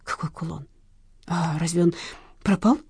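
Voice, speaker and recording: A woman's voice: on the low side, steady tone, normal speed, darkish tone, breathy edge, dry recording, studio quality. A woman voicing a frightened but stubborn young woman who answers back defensively in an audiobook. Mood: bewildered. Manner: defensive, indignant.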